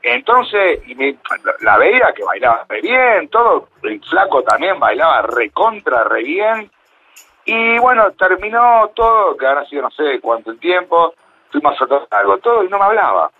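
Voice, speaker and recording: A husky-voiced man with an Argentine accent, a radio caller telling a personal story in a roundabout, conversational way. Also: high-pitched, big pitch swings, normal speed. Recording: dull phone-in line, faint music.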